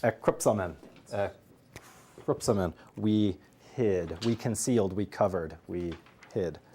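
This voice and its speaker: Man, slightly low voice, classroom Greek lesson, drills and jokes, faint room noise. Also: a little slow, mellow. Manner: drills students, jokes and laughs. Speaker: Greek teacher.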